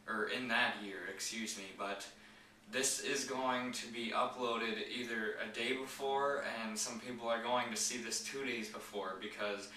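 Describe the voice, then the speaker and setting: Man, casual rambling talk, bright voice, very echoey room, far from mic, faint ambience. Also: medium pitch, steady tone, a little slow, a little hiss or hum. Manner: rambling, hesitant, many filler words. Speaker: channel host.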